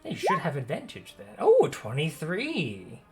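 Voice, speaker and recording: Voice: mid-range voice, huge pitch swings, normal speed, over music. A game master running a tabletop game, upbeat and guiding players through their turns.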